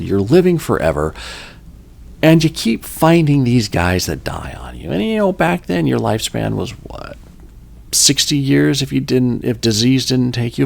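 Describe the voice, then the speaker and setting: A man with a low, gravelly voice hosts a podcast and talks through old legends in a loose, conversational way. His delivery swings widely in pitch, and he keeps breaking off for wry asides and to fix his own words. He sounds like a relaxed storyteller rather than a reader. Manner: rambling, joking asides, self-corrections. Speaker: podcast host. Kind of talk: casual folklore storytelling.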